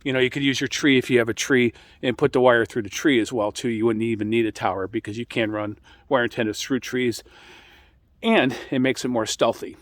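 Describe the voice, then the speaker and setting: Man, American accent, middle-aged, mid-pitched voice, informal vlog explainer, halting and rambling. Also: fairly even intonation, no room sound. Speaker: amateur radio hobbyist hosting an introductory video.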